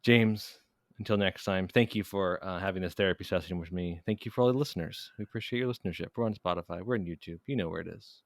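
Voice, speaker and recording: A man's voice: sits low, fast, dry recording. A man co-hosting a casual podcast, incredulous and laughing, repeating phrases in disbelief. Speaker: podcast co-host. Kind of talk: casual chat.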